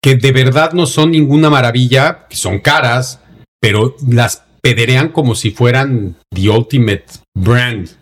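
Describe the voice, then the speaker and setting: Speaking unhurriedly in a medium pitch, this man co-hosts a laid-back podcast, poking fun at phrases with exaggerated voices. He has a Mexican Spanish accent, having been born in Denver and raised in Mexico.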